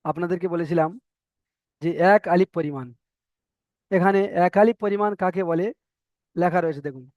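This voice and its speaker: A man teaching the Arabic alphabet in a patient, slow lesson, with a Bengali accent, stretching out each letter sound as he demonstrates it. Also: high-pitched, darkish tone, no echo. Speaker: Quran reading teacher.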